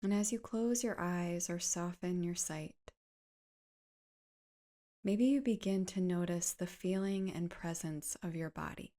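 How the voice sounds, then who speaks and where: A woman guides a meditation in a soft, gentle, soothing voice that's lowish in pitch. Her phrases are unhurried and grow breathy as they trail off.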